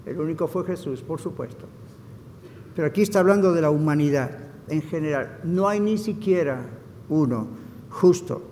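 A male pastor preaching a fervent sermon, swinging from hushed lines to loud emphasis and slipping in short English phrases. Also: fairly high pitch, normal speed, a little hiss or hum. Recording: reverberant hall.

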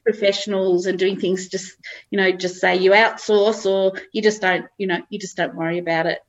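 A woman's voice: medium pitch, flat delivery, moderate pace, dull audio. A middle-aged Australian woman, a farmer, telling anecdotes in a chatty, casual interview. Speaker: farmer guest. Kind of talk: casual chat.

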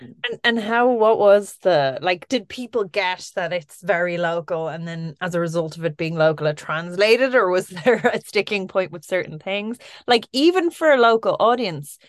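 A woman's voice: fairly low pitch, lively intonation, moderate pace, hardly any pauses, no room sound, studio quality. A woman hosting a podcast, chatting enthusiastically with a guest. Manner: enthusiastic, gushing. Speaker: podcast host. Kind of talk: casual interview chat.

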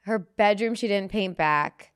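A woman hosts a casual podcast and tells stories, chatty and laughing through them. Her voice is smooth and resonant. The recording is dry and close. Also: medium pitch, a little slow, dry recording. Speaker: podcast host.

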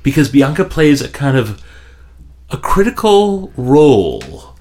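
A man hosting a podcast interview, asking long questions with many halting restarts and repeated words. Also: mid-range voice, huge pitch swings, a little mellow. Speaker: podcast host. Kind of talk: conversational interview.

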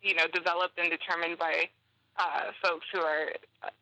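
A woman speaking as a panelist in a political discussion, making a forceful, sarcastic critique. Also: on the low side, level tone, moderate pace, no echo, poor audio.

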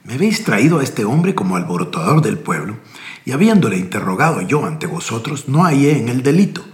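A man's voice: medium pitch, big pitch swings, fairly quick. A man preaching, reading scripture aloud with emphatic, rising delivery and then commenting on it. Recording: echoey room.

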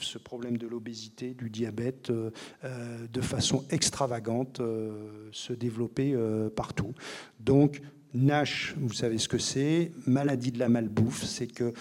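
Man in his role as a doctor explaining with lots of fillers, plain medium voice. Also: medium pitch. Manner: didactic, many fillers and restarts. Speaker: liver doctor and author. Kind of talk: explanatory interview talk.

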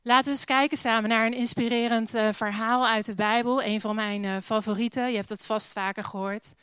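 A woman's voice: fairly high pitch, fairly even intonation, fairly quick, a bit bright, clean tone, clean studio sound. A woman preaching a sermon in a church hall, earnest, reading scripture aloud and leading a prayer, with an occasional English phrase.

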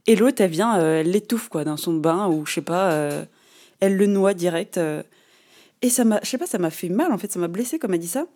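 A woman in her thirties hosting a solo podcast, telling a personal story in an animated, slangy way with lots of fillers. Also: fairly low pitch, a little fast. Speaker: podcast host. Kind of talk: casual solo podcast monologue.

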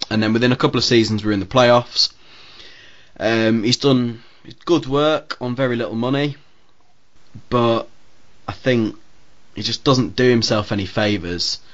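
A man's voice: lowish voice, a bit bright. A man hosting a podcast, chatting casually and airing his opinions with easy laughter. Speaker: podcast host. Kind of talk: casual chat. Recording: dull lo-fi podcast audio.

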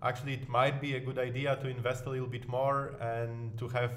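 A man's voice: medium pitch, level tone, fairly quick. A man from Poland, a podcast guest who talks casually and often repeats a word as he starts a phrase. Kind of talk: casual interview talk.

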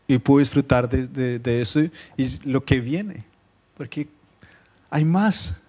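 A man preaching a Spanish-language sermon to his congregation, switching between loud, emphatic scripture reading and quiet, joking asides. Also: mid-range voice, takes it slowly. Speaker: pastor. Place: church meeting room, streamed live.

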